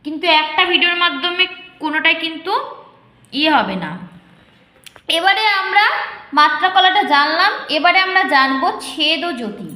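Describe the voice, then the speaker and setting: A woman's voice: extremely high pitch, pushed and bright. A woman teaching a lesson to students, explaining step by step and asking them whether they follow. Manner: explains step by step, checks understanding with questions. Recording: echoey room.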